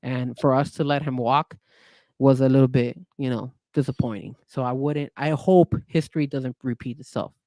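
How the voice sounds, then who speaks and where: Animated man with restarts. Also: medium pitch, moderate pace, no room sound. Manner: animated, hedging, many restarts. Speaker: podcast co-host. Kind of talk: casual sports chat.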